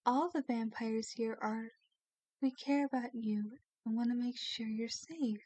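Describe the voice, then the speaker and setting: Speaking at a measured pace in a steady, rather high voice, a woman portrays a gentle, well-mannered vampire for ASMR. Her words are formal and her tone soft and sometimes breathy, and the recording has no echo.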